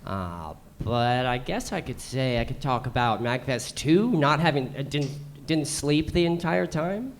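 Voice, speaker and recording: A man on a panel reminiscing in a halting, hesitant way. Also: medium pitch, expressive, a little hiss or hum. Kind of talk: casual reminiscing.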